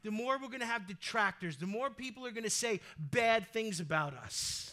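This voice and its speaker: A male pastor preaching a sermon in a conversational, energetic way that breaks into loud exhortations. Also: high voice, moderate pace.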